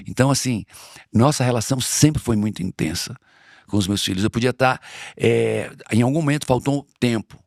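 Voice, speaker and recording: Earnest gravelly Brazilian man. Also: fairly low pitch, no echo, studio quality. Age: middle-aged. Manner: earnest, repeats phrases for emphasis. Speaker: interview guest. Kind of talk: conversational interview.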